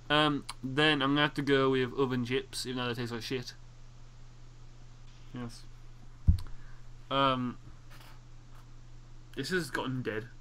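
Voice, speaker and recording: Brash, bright-voiced young man. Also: medium pitch, little pitch movement, slow, pauses often, a little hiss or hum. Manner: brash and teasing, swears freely. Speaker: podcast host. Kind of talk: casual chat.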